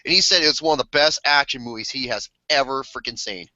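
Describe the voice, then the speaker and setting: A man's voice: medium pitch, brisk, pushed and bright, no room sound. A man co-hosting a casual podcast, swearing freely and laughing often. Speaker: podcast co-host. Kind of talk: casual chat. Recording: muffled lo-fi podcast audio.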